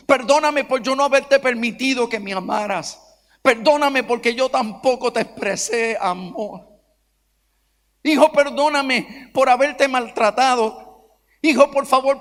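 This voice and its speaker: A repentant older father pours out his apologies in a high, slow, pleading voice, as a male preacher acts him out in his sermon. The long reverb of a church auditorium trails behind every phrase. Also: fairly bright tone, exaggerated voice. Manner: pleading, emotional, repeated appeals. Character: remorseful older father begging his son's forgiveness. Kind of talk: sermon storytelling.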